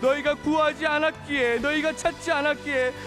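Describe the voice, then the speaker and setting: A man's voice: extremely high pitch, steady tone, moderate pace, music in the background. A man, a pastor, leading a prayer meeting and praying fervently in long, repetitive petitions.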